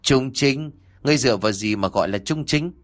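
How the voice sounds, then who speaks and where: A man's voice: mid-range voice, lively intonation, a little fast, pitched above the performer's own voice, lightly acted. A man voicing a fierce, proud young swordswoman who speaks coldly and scornfully, in a storybook reading. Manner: cold, scornful, shouting in anger.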